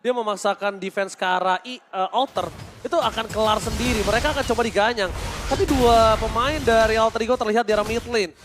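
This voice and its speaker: Very high-voiced male esports caster. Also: fairly even intonation, a little fast, music in the background. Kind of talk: excited esports commentary with analysis.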